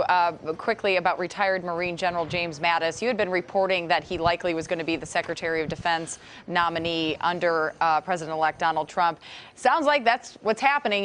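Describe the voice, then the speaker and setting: Female American anchor, slightly low voice, conversational live interviewing with halting questions. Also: a bit bright, slight background noise. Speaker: news anchor.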